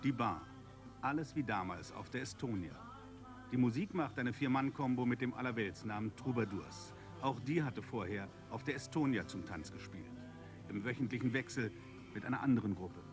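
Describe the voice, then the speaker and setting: A man's voice: mid-range voice, animated, normal speed, music in the background. A man reading scripted television documentary narration in short, clipped phrases. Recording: faint background noise.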